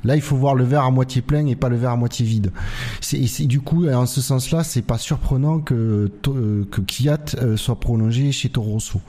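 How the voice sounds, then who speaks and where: A man's voice: mid-range voice, moderate pace, dark tone. A man explaining his view in a casual panel discussion, feeling his way through sentences. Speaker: motorsport talk show panellist.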